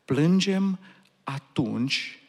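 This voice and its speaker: Male pastor, fairly high voice, earnest sermon delivery full of rhetorical questions. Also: lively intonation. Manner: earnest preaching, rhetorical questions, slips into English phrases.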